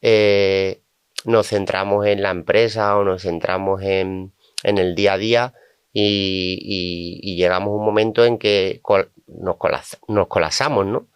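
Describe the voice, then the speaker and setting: A man from Spain with a low, smooth and resonant voice tells stories from his coaching work. He often acts out his clients' words in quick asides. The studio sound is dry and close. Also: no echo. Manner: animated, quotes clients in asides. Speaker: coach and guest. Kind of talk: conversational storytelling.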